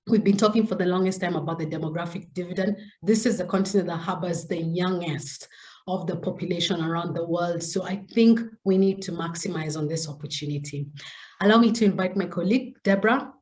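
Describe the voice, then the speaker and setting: A woman with a Kenyan accent introduces herself and presents a training webinar as a science communication trainer. Her voice is fairly low and a little mellow, and she speaks fairly quickly.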